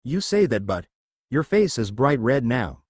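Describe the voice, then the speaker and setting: Man as a deadpan teenage schoolboy. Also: medium pitch, a little slow, breathy edge, no echo, clean studio sound. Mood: teasing. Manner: plain, deadpan delivery. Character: teenage boy student, calm and deadpan.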